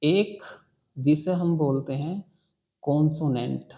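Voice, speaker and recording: In a classroom lesson recorded with dull lo-fi sound, a man guides beginners through English, patient and repetitive, regularly asking "ठीक है" to check on his students. He speaks slowly in a slightly high, warm voice.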